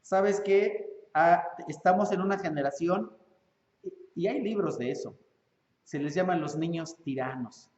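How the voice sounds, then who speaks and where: A man with a Mexican accent preaching a sermon as pastor, animated and acting out parents and children. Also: a little high. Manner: animated, acts out parents and children in quick voices. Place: church. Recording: echoey lo-fi church hall recording.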